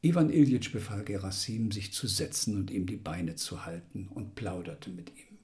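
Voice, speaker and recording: A man's voice: on the low side, moderate pace, darkish tone. A man narrating a literary text in an intense, dramatic reading that sometimes drops to a whisper.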